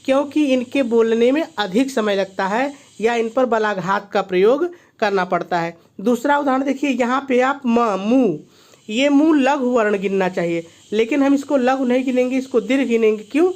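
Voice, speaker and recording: A man's voice: very high-pitched, moderate pace, darkish tone. A male teacher giving a video lesson, who asks himself why and then answers, repeating each key point. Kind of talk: classroom-style video lesson.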